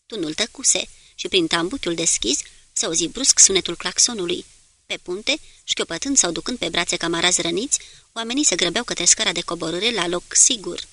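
A woman narrating a war novel as an audiobook, in a steady, measured storytelling manner. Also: mid-range voice.

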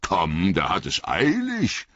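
A man voicing a jolly, loud old man who talks in a drawn-out sing-song, in a dull, lo-fi recording. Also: low-pitched, wildly swooping pitch, no echo, voice pushed up, exaggerated voice. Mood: jolly, booming.

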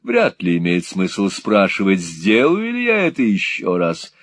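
A man's voice: fairly low pitch, wildly swooping pitch, unhurried, no room sound. A man voicing a hard-hearted moneylender in his sixties, curt, cold and scornful, in a dry close recording. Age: 60s.

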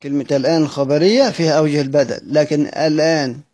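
A man with an Egyptian Arabic accent explains a classical text, voice pitched a bit high for a man. He stretches words out slowly when he repeats them and keeps posing his own questions before answering them. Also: steady tone, darkish tone. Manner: clears his throat often. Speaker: Quran recitation teacher.

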